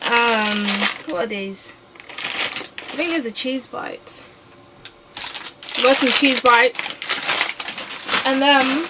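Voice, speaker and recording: A young woman chatting casually to camera while eating, animated and quick to get exasperated. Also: a little high, background noise. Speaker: YouTuber.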